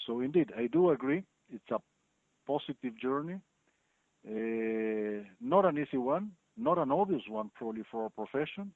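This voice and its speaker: A man in his fifties from Chile, giving thoughtful interview answers with many pauses and fillers. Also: mid-range voice, very animated, dry recording. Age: 50s. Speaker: chief legal officer, guest. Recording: dry, tinny phone-like sound.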